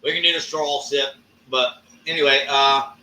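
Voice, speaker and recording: A man hosting a live stream, talking casually and ranting with lots of swearing and drawn-out fillers. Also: medium pitch, fairly even intonation, pushed and bright, far from the mic. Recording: echoey room, off-mic.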